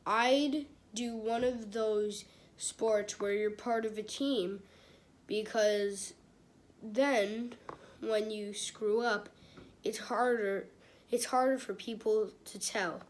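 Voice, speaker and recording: A woman with a slightly high voice reads a children's book aloud at a slow, unhurried pace. She often stops and restarts her phrases and chats casually with her audience between passages. A faint hiss sits behind her voice. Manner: halting, with many restarts and repeated phrases; chatty asides to a live chat audience. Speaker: read-aloud host. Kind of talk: reading a children's book aloud with chat asides.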